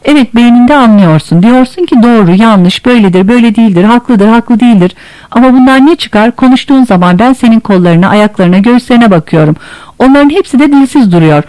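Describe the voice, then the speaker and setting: A reader voicing a fiery, scarred old Greek man, gruff and scornful, in an audiobook. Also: mid-range voice, lively intonation, fairly quick, a little mellow, no room sound, natural voice, poor audio. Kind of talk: audiobook character reading.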